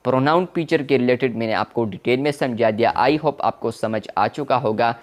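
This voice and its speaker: A man's voice: mid-range voice, moderate pace. A man presenting a tech tutorial, explaining app settings step by step and often addressing viewers as friends. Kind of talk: screen-recorded tech tutorial.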